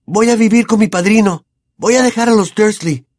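A man with a Latin American accent voicing a brave, desperate teenage boy wizard in an audiobook, calling out in urgent shouts. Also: high-pitched, moderate pace, dry recording, studio quality, voice pushed up, natural voice. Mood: desperate shouting. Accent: Latin American Spanish.

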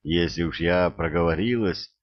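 Audiobook: male narrator as a scared young woman, pleading, voice lifted high, lo-fi. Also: normal speed, natural voice. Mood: fearful pleading. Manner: pleading, fearful.

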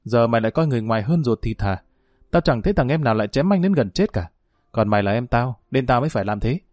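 A man voicing a sharp-tongued, quarrelsome older aunt in a spoken family drama. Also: mid-range voice, lively intonation, no room sound, studio quality, natural voice. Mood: scolding, furious. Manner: harsh, berating, rapid tirades.

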